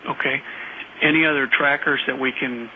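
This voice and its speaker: A flight director asking brisk, short questions over a mission control radio loop. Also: male voice, mid-range voice, fairly even intonation. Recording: tinny archive radio loop with faint hiss.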